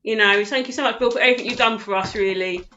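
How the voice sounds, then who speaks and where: A woman's voice: on the high side, fast talker, bright, forceful tone, lo-fi sound, slight background noise. A woman co-hosting a casual chat, effusive and affectionate in how she speaks. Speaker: co-host from a football club. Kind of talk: casual heartfelt tribute chat.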